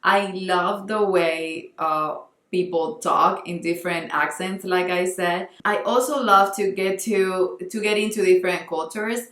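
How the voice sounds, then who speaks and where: A woman's voice: lowish voice, measured pace, a bit bright, roomy sound. A young Colombian woman with a Spanish accent, talking earnestly in a casual book vlog and often restarting as she searches for words. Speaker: book vlogger.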